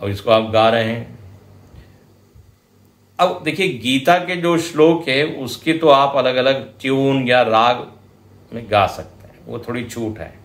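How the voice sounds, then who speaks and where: A man with an Indian accent giving a scripture lecture, explaining slowly and deliberately and chanting example verses now and then. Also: medium pitch. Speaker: spiritual teacher. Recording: roomy hall echo.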